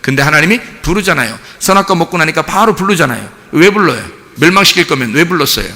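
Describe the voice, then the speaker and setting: Male pastor, sermon, gravelly forceful voice, long church-hall reverb. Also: fairly high pitch, fast talker. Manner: animated preaching, acting out a parent and child with laughs. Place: church sanctuary.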